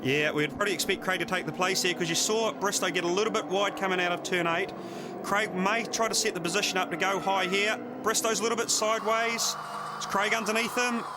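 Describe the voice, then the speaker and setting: Fast, high-pitched Kiwi male motorsport commentator. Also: fairly even intonation, very noisy. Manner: explanatory, conversational. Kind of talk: analytical live race commentary.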